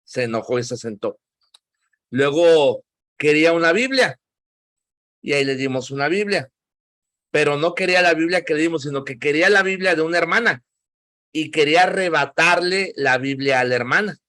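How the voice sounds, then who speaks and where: A Mexican man with a fairly high voice teaches a Bible class like a sermon. He tells stories with lively energy and often calls to the listeners. The sound is dry and close. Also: normal speed, dry recording. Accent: Mexican Spanish. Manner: animated storyteller, often says "hermanos" and "¿verdad?", acts out quoted voices. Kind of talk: preaching-style lesson with personal anecdotes.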